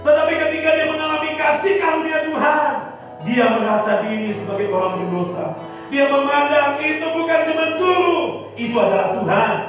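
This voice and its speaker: Impassioned pastor preaching in an echoey hall. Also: male voice, a little fast. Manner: animated preaching, swings from loud cries to low murmurs. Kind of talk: sermon. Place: church hall. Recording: echoey hall, distant mic, with music.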